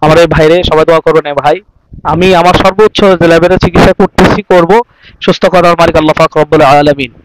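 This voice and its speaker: High-voiced religious healer preaching. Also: male voice, steady tone, a little fast, very noisy. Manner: formal religious address with Arabic blessings. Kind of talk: questioning then preaching to viewers.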